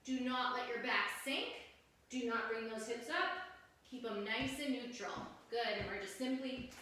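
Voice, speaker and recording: Female aerobics instructor, higher-pitched, encouraging cueing and counting, recorded off-mic in a very echoey home room. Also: a little slow, pushed and bright. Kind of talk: live home workout class instruction. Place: sunny room at home, indoors. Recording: very echoey room, distant mic, faint noise.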